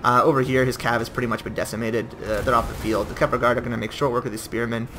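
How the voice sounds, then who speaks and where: A man's voice: mid-range voice, level tone, racing, noisy background. A young man giving casual, rambling commentary over a strategy game battle, with jokey self-mocking asides. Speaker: gameplay commentator.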